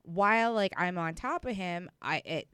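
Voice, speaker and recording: A woman's voice: fairly low pitch, expressive, moderate pace, fairly bright tone, clean tone, no room sound, studio quality. A woman on a casual talk show telling a rambling personal story full of filler likes. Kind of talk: casual chat.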